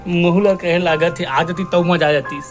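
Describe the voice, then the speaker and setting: A man's voice: fairly high pitch, fairly even intonation, normal speed. A man with a Chhattisgarhi accent in a comedy sketch, joking and teasing. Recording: loud music behind.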